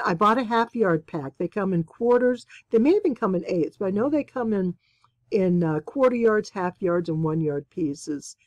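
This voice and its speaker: A woman's voice: lowish voice, a little mellow, dry recording. A woman hosting her quilting channel, chatting enthusiastically and exclaiming with delight as she unboxes and shows fabrics. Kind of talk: casual unboxing chat.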